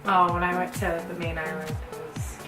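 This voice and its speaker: A young woman chatting with her sisters, quiet, brief and agreeable. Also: fairly low pitch, little pitch movement, moderate pace. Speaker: guest sister. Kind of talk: casual chat. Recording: echoey room, mic at a distance. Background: music playing.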